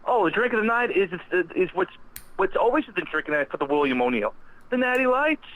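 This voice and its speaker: A man's voice: high-pitched, expressive, quick pace, narrow, tinny audio. A man phoning in to a talk radio show, cheerful and chummy with the hosts. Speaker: caller. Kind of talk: phone-in chat.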